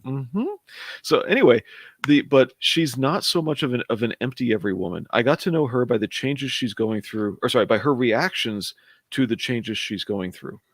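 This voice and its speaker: A man's voice: medium pitch, no room sound. A man in casual chat, reviewing a comic book on a video call and circling back to make his point. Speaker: co-host of a comic book show.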